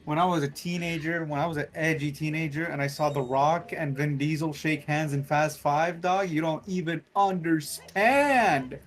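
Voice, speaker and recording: Excitable young man, rambling banter. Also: on the high side, normal speed, hardly any pauses. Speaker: let's play co-host. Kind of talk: casual gaming banter.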